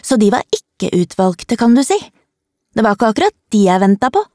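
Woman doing a cocky storybook schoolgirl, brisk and self-assured, voice pitched up high. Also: sing-song, mellow, dry recording, clean studio sound. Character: bold, teasing young schoolgirl who loves surprises.

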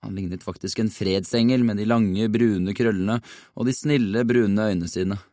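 A man narrating a children's storybook in an even, measured reading. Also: on the low side, dry recording, clean studio sound. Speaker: audiobook narrator.

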